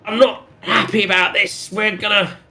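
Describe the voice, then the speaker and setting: Man doing an indignant, high-pitched lizardfolk grunt. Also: level tone, moderate pace, creaky, sharp tone, faint music behind, exaggerated voice. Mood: indignant, defiant. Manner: indignant, defiant. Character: disgruntled, stubborn male lizardfolk grunt refusing orders. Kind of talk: role-play in a tabletop game.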